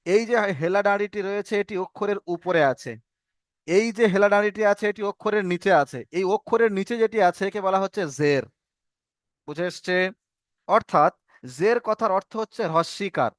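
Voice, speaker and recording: Over an online call, a man leads a reading class, stopping to pose questions and then supplying the answers himself. His voice is high, and the recording is dry, with no room sound and no echo.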